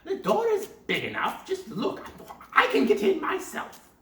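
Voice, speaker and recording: A woman voicing a greedy, impatient old witch in a storybook tale, with a shrill, bossy delivery. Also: huge pitch swings, a little slow, exaggerated voice. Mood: scornful. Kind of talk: storybook character voice. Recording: roomy sound, distant from mic.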